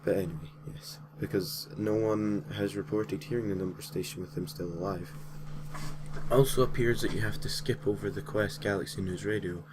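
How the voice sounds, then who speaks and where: Reading a gaming story from a script, the host and narrator of a gaming creepypasta series speaks in a lowish, steady voice at normal speed. His informal delivery includes casual, slightly hesitant asides, and the background is noisy.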